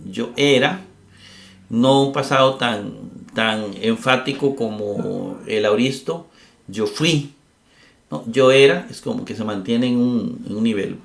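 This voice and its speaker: A middle-aged man teaching a recorded Greek grammar lesson, explaining patiently step by step, often checking with "¿verdad?" and pausing on "eh". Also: mid-range voice, a bit bright, echoey room.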